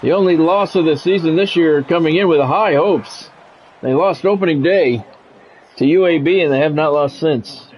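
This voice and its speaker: Doing play-by-play for a sports video game on stream, a man trades announcer-like calls for casual comments to his chat. The recording is muffled with a bit of hiss or hum, and his voice runs on the high side at a moderate pace.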